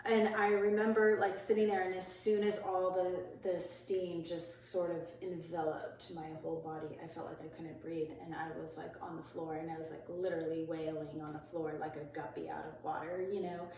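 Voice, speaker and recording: A woman's voice: on the low side, flat delivery, normal speed, few pauses, a little mellow. Woman, podcast guest, candid personal storytelling, chatty fillers, very echoey room, distant mic. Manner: candid and chatty, with frequent "like" and "you know" fillers.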